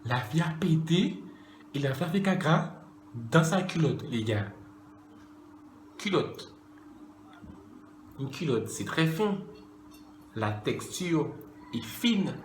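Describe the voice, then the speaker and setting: A man's voice: on the high side, expressive, takes it slowly, pauses often, slight background noise. Slangy man telling a storytime. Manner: slangy, addresses viewers directly. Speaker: YouTuber. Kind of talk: casual storytime. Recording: echoey room with faint music.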